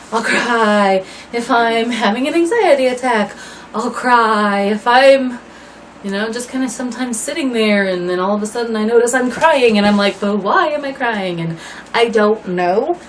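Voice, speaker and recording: A woman's voice: medium pitch, slight background noise, poor audio. A woman in her thirties chatting casually to camera at home while dyeing her hair, rambling and apologetic with lots of fillers. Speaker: vlogger.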